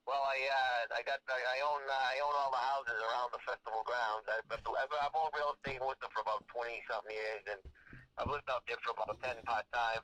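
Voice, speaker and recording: A man's voice: mid-range voice, sharp tone, rough recording. A middle-aged man with a Massachusetts accent, calling in over a phone on speaker as a festival organizer, chatting in a rambling way with lots of fillers. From Boston area, Massachusetts. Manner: rambling, loose with many fillers. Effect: heard over a phone on speaker held to the mic. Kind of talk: casual phone-in chat.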